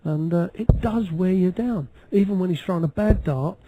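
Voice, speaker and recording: Higher-voiced male darts analyst. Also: moderate pace, warm tone, highs cut off. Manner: conversational, explanatory. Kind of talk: live sports commentary.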